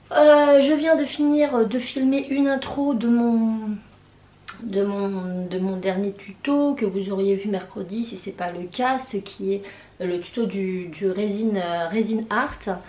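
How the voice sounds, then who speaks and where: A woman in her thirties chatting casually in a vlog, hoarse from tonsillitis with her voice mostly gone, hesitant and rambling. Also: medium pitch, a little slow, mellow. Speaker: vlogger. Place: indoors, bedroom. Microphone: camera on a tripod. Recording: echoey room.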